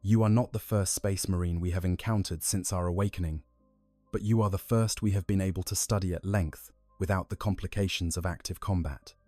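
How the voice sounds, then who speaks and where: Man doing a calm, curious Necron leader. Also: deep voice, fairly quick, dry recording, faint music behind. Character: Necron leader, curious mechanical male being.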